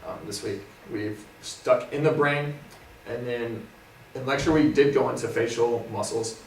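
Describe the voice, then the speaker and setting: A young man speaks in a mid-range voice, relaxed and casual, his phrase ends softening as he trails off. He is heard from some distance in an echoey room with faint background noise. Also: medium pitch, unhurried. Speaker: co-host, physical therapy student. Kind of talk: casual study recap. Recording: roomy, far from the mic, faint noise.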